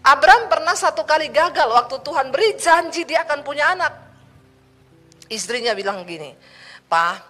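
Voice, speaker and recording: A woman pastor preaching a sermon, telling a personal testimony in a lively way and speaking directly to the congregation. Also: sits high, brisk, faint music behind.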